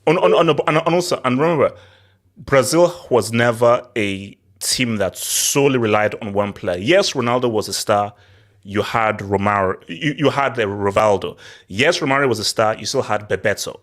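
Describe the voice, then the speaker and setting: Man, mid-pitched voice, sports hangout host, opinionated, emphatic, repetitive phrasing, conversational. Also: normal speed, a bit bright. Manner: emphatic, repeats phrases for effect. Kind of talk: casual, opinionated football talk.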